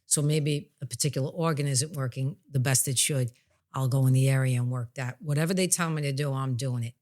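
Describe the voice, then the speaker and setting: Talking about her spiritual healing work, a woman who is a psychic medium and podcast host keeps things plain-spoken and informal. She has a very deep, darkish voice and speaks fairly quickly.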